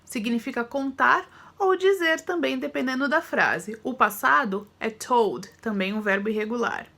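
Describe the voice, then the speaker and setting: A young woman teaches an English lesson, reading each word out clearly and with care. Her voice is bright and a little high. She takes her time. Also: animated, measured pace.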